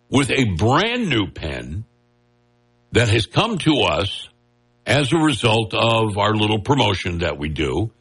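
In a radio studio, a man with a lowish, slightly bright, husky voice hosts a talk show, wearing headphones at a studio mic. His casual on-air chat is nasal, jokey and rambling.

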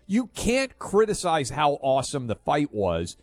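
A talk radio host, male, speaks a little slowly in a slightly high voice whose pitch swoops wildly. His delivery is conversational and opinionated, with fillers and restarts. Recorded on a studio mic in a radio studio, the audio is clean and echo-free.

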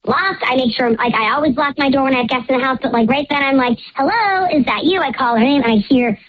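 A woman's voice run through a voice changer that pushes it very high, heard over a dull, lo-fi call-in line. She tells her story in a chatty, rambling way, with "like" in almost every sentence. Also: fast talker, slight background noise. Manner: chatty, fills speech with "like". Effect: voice changer disguising her voice. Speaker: caller confessing a secret on a radio show. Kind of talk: telling a personal story.

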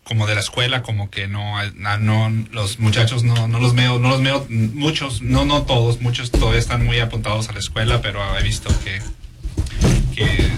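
A man's voice: medium pitch, level tone, normal speed, over music. A man born in Mexico, a police sergeant answering interview questions in a hesitant way with many fillers.

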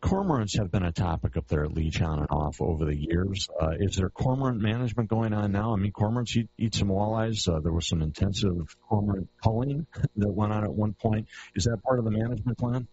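A radio outdoors show host interviews someone with plain, friendly questions, heard on a dull lo-fi tape of the broadcast with faint hiss. His voice is fairly low, warm and a little breathy, running a little fast with hardly any pauses.

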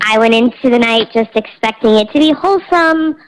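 A woman calling in to a show, her voice run through a voice changer, telling a confession in a halting, hesitant way. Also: on the high side, low-quality recording. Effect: voice changer morphing her voice. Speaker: anonymous caller. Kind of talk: casual confession on a radio show.

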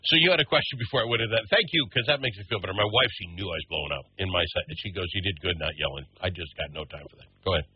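A man's voice: low voice, slightly rough. A man in his sixties hosting a radio talk show, chatting casually and joking with his guest. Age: 60s. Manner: jokey, quick asides, laughs often. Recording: slightly dull radio sound.

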